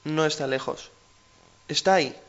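A man's voice: a little high, moderate pace, a bit bright, dull audio. A man with a Spain Spanish accent co-hosting a language lesson, explaining patiently with everyday examples. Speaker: language teacher co-host.

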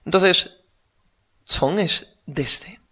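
Male tutor, patient and methodical, fairly high voice, muffled recording. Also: pushed and bright, slightly rough. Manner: patient, drills pronunciation slowly. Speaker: Chinese teacher. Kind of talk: language lesson.

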